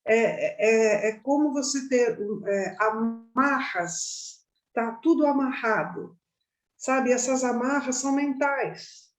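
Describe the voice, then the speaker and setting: A woman's voice: on the high side, slow. A woman teaching a meditation class in a conversational way, often checking in with her listeners. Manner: conversational, frequent tag questions. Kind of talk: informal class talk. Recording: roomy echo.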